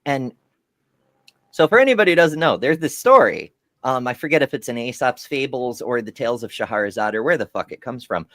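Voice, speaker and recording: A man's voice: mid-range voice, lively intonation, a little fast, fairly bright tone, dry recording. A man co-hosting a casual podcast chat, rambling and profane as he tells a fable. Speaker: podcast co-host.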